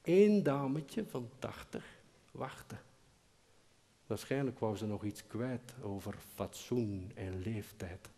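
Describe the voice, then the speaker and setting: A man narrating a story as a dramatic recitation at a live concert, slow and expressive, dropping to near-whispers and rising to loud outbursts. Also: on the low side. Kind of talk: dramatic recitation over chamber music. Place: concert hall, live performance. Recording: live concert hall with long reverb.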